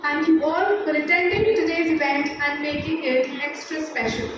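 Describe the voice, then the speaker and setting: A woman delivers rehearsed, formal thank-yous as the event anchor. Her voice is high. It comes from a distance, soaked in hall reverb, with noise behind. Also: fairly even intonation, normal speed. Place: school assembly hall. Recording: echoey hall, distant mic, noisy.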